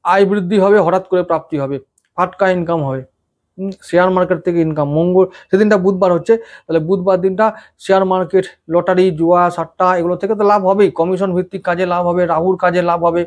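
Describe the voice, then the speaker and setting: A man's voice: high-pitched, fairly even intonation. A man with a Bengali accent, an astrologer giving a weekly horoscope and rattling off lists of predictions with fillers and restarts. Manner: rapid listing with fillers and restarts. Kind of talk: weekly horoscope talk to camera.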